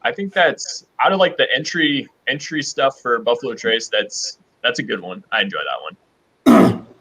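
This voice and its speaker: A man with a bright, forward voice and a husky edge. He hosts a livestream in loose, folksy conversation, at a middling pitch. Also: normal speed, low-quality recording. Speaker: host of a bourbon blind-tasting livestream. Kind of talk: casual chat.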